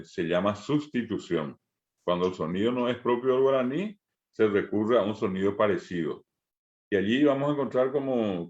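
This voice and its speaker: Low-voiced Paraguayan teacher, hesitant, explaining. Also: male voice, darkish tone. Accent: Paraguayan Spanish. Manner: explanatory, repeats words slowly, many hesitations. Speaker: language teacher. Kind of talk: online language class. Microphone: video call. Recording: muffled lo-fi video call audio.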